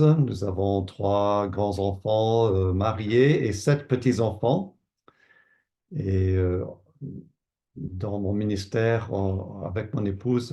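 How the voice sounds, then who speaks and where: An older man from Canada answers interview questions at a slow, careful pace. His low voice is gravelly and mellow, and he often pauses and repeats words as he thinks. He sounds like a pastor and teacher. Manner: thoughtful, hesitant with many fillers and repeated words.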